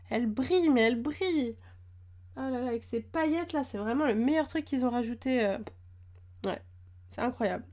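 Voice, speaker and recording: A woman's voice: a little high, a little mellow. A woman chatting casually at her desk as she unboxes trading cards, gushing over the cute ones. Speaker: card-opening YouTuber. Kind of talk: casual chat while unboxing.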